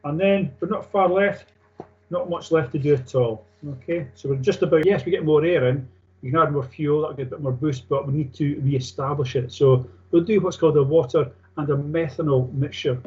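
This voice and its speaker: A male technical instructor lectures a class in an informal, matter-of-fact way. His voice sits a little high for a man. He reads out procedures and explains them plainly, and the recording is dull and lo-fi. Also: moderate pace, darkish tone. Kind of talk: classroom lecture on aircraft engine maintenance, reading and explaining. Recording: dull lo-fi sound.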